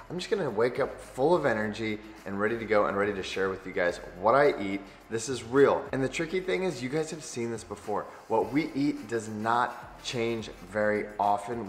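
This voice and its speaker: Upbeat man with a raspy morning voice. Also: fairly low pitch, a little hiss or hum. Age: 30s. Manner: upbeat and energetic. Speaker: vlogger. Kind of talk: casual vlog chat. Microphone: handheld camera mic. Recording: long reverb, faint music behind.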